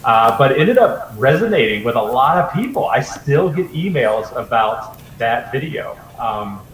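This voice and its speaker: An easygoing man in his forties tells stories as an interview guest, his talk loose and full of fillers. His voice sits at a middle pitch and rings around a roomy space. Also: big pitch swings, moderate pace, fairly bright tone, slight background noise. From Raleigh, North Carolina. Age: 40s. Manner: easygoing storyteller, frequent fillers. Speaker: interview guest, video creator. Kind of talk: casual interview chat.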